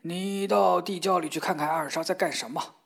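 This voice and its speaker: A woman's voice: fairly low pitch, brisk, gravelly, breathy edge. A woman voicing a middle-aged father in a storybook tale, speaking plainly and directly.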